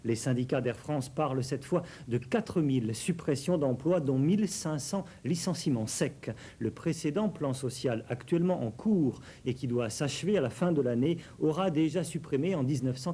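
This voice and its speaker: A man's voice: on the high side, expressive, normal speed, few pauses, dark tone, slightly rough. A man presenting scripted television news as the anchor.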